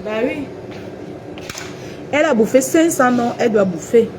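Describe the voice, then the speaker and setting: A woman's voice: on the high side, expressive, moderate pace, background noise. A woman on a casual livestream, taunting her rivals with repeated rhetorical questions. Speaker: social media livestreamer.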